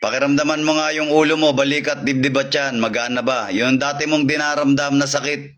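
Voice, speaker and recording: A man's voice: mid-range voice, steady tone, fairly bright tone, slight background noise. A man from the Philippines leading a healing session over a call, repeating short commands in a chanting rhythm and droning through Latin prayers. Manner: recites Latin prayers in a rapid drone. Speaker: faith healer.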